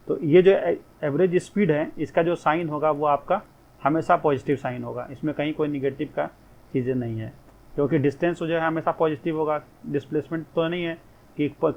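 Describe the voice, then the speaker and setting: A man teaching physics on a dull, lo-fi recording, his fairly high voice gravelly with fry. He walks through each point step by step, asking questions and then answering them himself. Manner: explains step by step, asks and answers his own questions, mixes in English phrases. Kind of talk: recorded classroom lecture.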